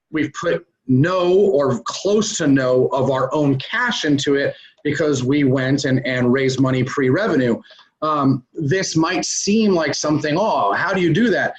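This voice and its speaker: Higher-voiced man explaining business, lo-fi. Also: measured pace. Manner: conversational, explains step by step with many "um" and "uh" fillers. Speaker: interview guest, real estate investor. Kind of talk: casual business explanation in an interview. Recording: dull lo-fi recording.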